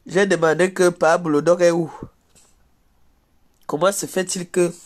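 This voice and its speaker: Man playing an old woman, grumpy, achy, groaning, repetitive, high voice, slow, live comedy character. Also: fairly even intonation. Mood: indignant. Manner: groaning, sighing, repetitive grumbling.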